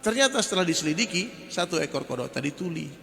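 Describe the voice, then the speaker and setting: A man preaching with humor and stories, speaking straight to his listeners. His voice is gravelly and bright, a little high for a man. It rings out in a hall with a long reverb. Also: fast, a little hiss or hum. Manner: lively, joking, often addresses listeners as "Pak". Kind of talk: humorous sermon with storytelling.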